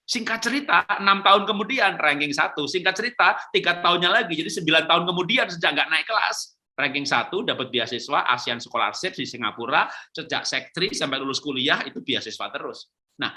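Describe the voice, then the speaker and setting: A middle-aged man pastor answering questions on raising children in a lively storytelling manner, acting out quoted lines. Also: on the high side.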